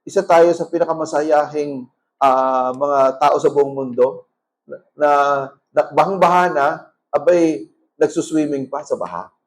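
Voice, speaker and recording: A Filipino man with a Filipino accent, preaching a sermon as a pastor, switching between loud appeals and quiet asides and mixing Tagalog with English. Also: fairly high pitch, a little slow, pauses often, low-quality recording. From Philippines.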